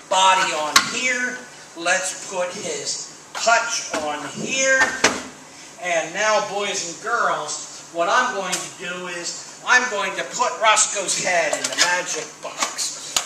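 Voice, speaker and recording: A middle-aged man does playful kids' party magician patter in simple, exaggerated phrases. His voice is very high for a man and unhurried. It sounds echoey, picked up from a distance. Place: indoor small curtained stage. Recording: echoey, noisy room, distant pickup.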